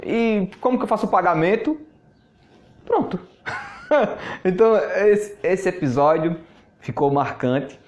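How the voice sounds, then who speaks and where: Man, fairly high voice, laughing storyteller, roomy echo. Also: expressive, measured pace, long pauses. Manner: chatty, laughs often, repeats words. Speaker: network marketing mentor. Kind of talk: casual anecdote telling. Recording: echoey room.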